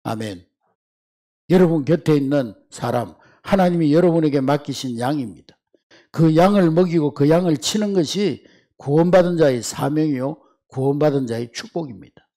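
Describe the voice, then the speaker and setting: A man preaches a sermon as pastor, his voice sitting a little high with a gravelly edge. He speaks with emphasis and keeps calling out to the congregation. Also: lively intonation, normal speed, dark tone.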